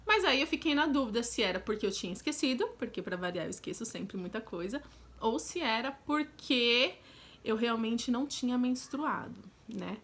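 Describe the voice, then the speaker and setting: With a slightly high, fairly bright voice, a young Brazilian Portuguese-accented woman shares a personal story as a vlogger. It's casual storytelling, chatty and direct, peppered with asides to the viewer.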